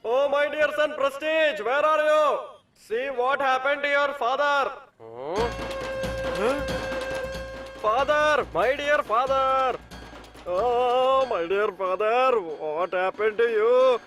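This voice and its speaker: A man dubbing an excitable young boss in a movie, given to dramatic, repetitive outbursts. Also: very high-pitched, slow pace, full character voice. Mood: wailing. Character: bossy excitable young man fussing over his money. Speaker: hotel owner boss. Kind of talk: English movie dub. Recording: dubbed voice over faint music.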